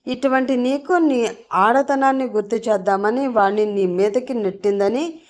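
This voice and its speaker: A woman's voice: medium pitch, a little slow, lightly acted. A woman voicing a scornful scheming villainess. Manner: taunting and scornful. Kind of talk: audio story reading.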